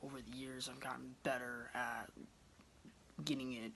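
A male vlogger in his twenties chats casually into his phone camera, held close, from a small room at home, rambling in a relaxed way with lots of ums. His mid-range voice is creaky and moves at normal speed. The audio is poor, with a little hiss or hum.

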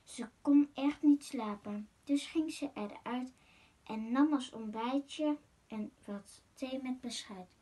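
A woman reading a rhyming children's picture book aloud as a masked guest reader, in a gentle, sing-song way. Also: sits high, slow pace, slightly rough.

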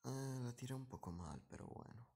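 Excitable man narrating his own gameplay. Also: medium pitch, normal speed, creaky. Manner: excitable, repeats short phrases, muttering asides. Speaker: gaming streamer. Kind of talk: live gameplay commentary.

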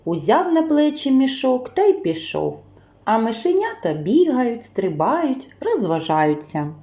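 A kindergarten teacher reading a folk tale aloud to children, slow, gentle and expressive. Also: female voice, a little high. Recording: roomy echo.

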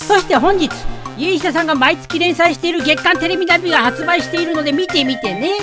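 A woman's voice: very high voice, quick pace. A woman host giving casual scripted comedy narration, slangy and brash with a cutesy mascot-like delivery. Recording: music behind the voice. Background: background music and jingles.

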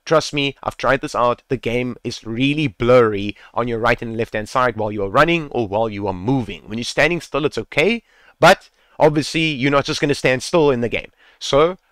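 A man talks through a screen-recorded tutorial in a relaxed, chatty way, repeating his tips and dropping casual swears. His voice sits at an ordinary mid pitch. It comes through a headset mic with a dry, close sound. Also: no echo. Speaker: gaming tutorial creator.

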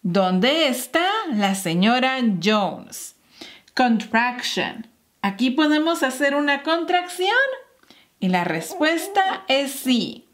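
Very slow, lively-voiced woman teaching. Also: sits high. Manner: slow, carefully articulated model phrases. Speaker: English teacher. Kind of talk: slow scripted beginner lesson.

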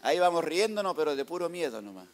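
A man with a Chilean accent giving a lively church testimony, narrating slides and often calling out to the congregation. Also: fairly high pitch, fast talker, slight background noise. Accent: Chilean Spanish. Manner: lively storytelling, tags "hermano" and "¿ah?".

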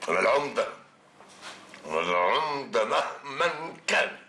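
An actor playing a proud, scheming former village mayor with an Egyptian accent, insistent in manner. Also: male voice, a bass voice, expressive, brisk, a bit bright, roomy sound, a little hiss or hum. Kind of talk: TV drama acting.

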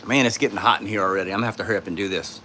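A man with a sore throat hosting a casual live stream, answering chat in a tired, low-key way from his home studio on a phone. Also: rapid-fire, sharp tone, slight background noise. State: sore throat, speaking softly.

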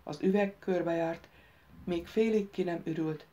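A woman's voice: on the low side, dull audio. A woman reading an audiobook, raising her voice for the characters' lines. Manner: reads dialogue lines louder and livelier than narration. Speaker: audiobook narrator. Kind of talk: audiobook narration.

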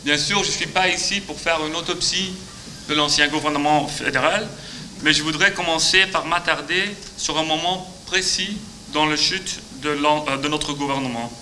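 A Flemish man delivers a conference talk in halting, second-language French. His voice is very bright and forceful, picked up on a podium microphone with faint noise behind. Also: on the high side, low-quality recording. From Flemish Belgium. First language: Dutch (Flemish). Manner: halting non-native French with grammar slips. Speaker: conference speaker, legal adviser. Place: large conference auditorium.

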